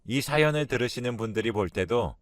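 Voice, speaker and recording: A man reading out a first-person story, retelling it in an expressive, emotional way. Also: medium pitch, a little fast, dry recording. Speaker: story narrator.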